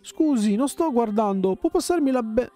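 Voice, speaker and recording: A man's voice: very high voice, expressive, moderate pace, mellow, pitched above the performer's own voice. A man voicing a frightened, blindfolded young boy who pleads timidly and apologizes.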